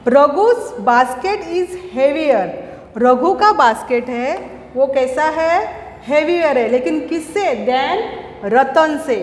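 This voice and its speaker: A woman teacher with an Indian accent giving a classroom lesson, speaking slowly and deliberately, repeating words and asking questions back. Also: sits high, lively intonation. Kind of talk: classroom lesson, mixing Hindi and English. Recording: echoey room with long reverb, faint hiss.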